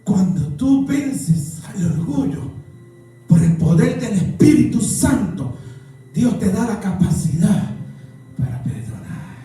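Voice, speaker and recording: A man preaching a sermon as pastor, impassioned, swinging between shouts and low murmurs. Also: expressive, takes it slowly. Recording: echoey hall, voice from far off, faint music.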